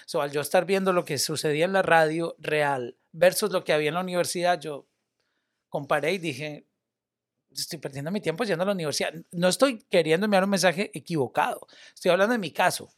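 High-voiced man chatting casually. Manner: animated, loose, sprinkles English words. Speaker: media personality and former radio host. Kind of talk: casual podcast chat.

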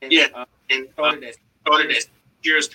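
A man, a guest singer, talking over a video call whose audio keeps breaking up and cutting in and out, so his phrases come through short and halting with gaps. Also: medium pitch, steady tone, sharp tone, poor audio.

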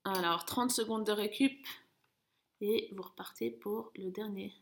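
Woman running coach, bit of vocal fry, pushing you on and cheering you through intervals. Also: mid-range voice, steady tone, a little slow. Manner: urging, encouraging coach calling countdowns and commands. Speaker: running coach and podcast host. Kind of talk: guided interval-training coaching. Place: at home, indoors.

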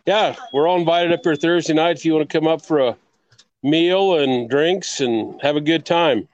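A man with a slightly high voice chats casually as a call-in guest. He sounds easygoing and folksy, and the audio is dull and dry. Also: moderate pace, no echo. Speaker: tractor pull committee member, remote guest. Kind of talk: casual chat. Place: remote call from a golf course.

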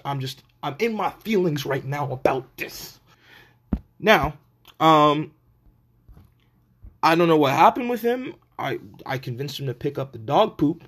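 A man hosting a solo podcast, telling stories and ranting in a casual, profane, slang-heavy and animated way. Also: fairly high pitch. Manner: profane, blunt, animated street-slang delivery. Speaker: podcast host.

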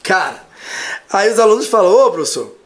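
This teacher, appearing as a guest in a casual live chat, tells stories animatedly and swears a lot. He speaks fairly fast in a high-pitched voice.

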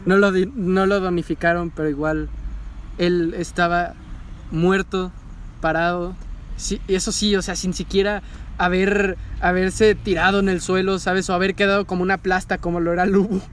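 A man, recapping a show with loud, animated enthusiasm. He talks casually and swears freely as the excitement builds. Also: high-pitched, normal speed, a little hiss or hum. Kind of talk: casual chat recapping an anime.

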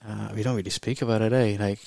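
Low-voiced Japanese man, halting podcast guest. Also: steady tone, gravelly, dark tone, no echo. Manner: halting, repeats phrases, Kiwi slang. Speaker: podcast guest, rugby player. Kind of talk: casual interview chat.

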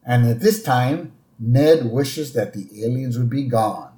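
A man co-hosting a podcast, chatting casually as he recaps a cartoon episode and slips into quick character voices. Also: mid-range voice, dark tone, reverberant. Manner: retells scenes with quick put-on character lines. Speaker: podcast co-host.

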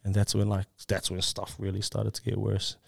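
A man's voice: lowish voice, completely flat delivery, moderate pace, vocal fry, darkish tone, no room sound, clean studio sound. A man with a broad New Zealand accent telling a candid personal story in casual, slangy talk. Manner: slangy, often tagging sentences with "bro" and "eh". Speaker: interview guest.

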